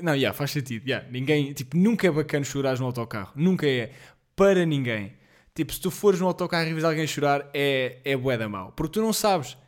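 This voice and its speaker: A young man in his twenties speaks with a European Portuguese accent, his voice sitting a little high for a man. He rambles in a loose, slangy solo podcast monologue. He leans on fillers and teases himself as he goes. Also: darkish tone. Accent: European Portuguese, Lisbon slang. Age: 20s. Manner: rambling, slangy, self-deprecating, many fillers; apologetic about being jittery and off rhythm. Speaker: podcast host.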